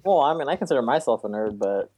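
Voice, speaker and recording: A man's voice: mid-range voice, lively intonation, fast, darkish tone, breathy edge. A man guesting on a casual podcast, talking hesitantly with stammers and fillers. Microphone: computer mic over voice chat.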